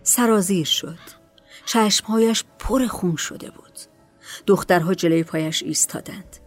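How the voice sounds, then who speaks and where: Woman narrating a story over soft music. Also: mid-range voice.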